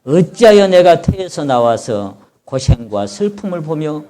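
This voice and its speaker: A pastor preaches a sermon in a somewhat high, sing-song, unhurried voice with a dark tone and a faint hiss or hum. He reads scripture aloud, then explains it in plain speech with passion, crying out in the voice of the sufferer.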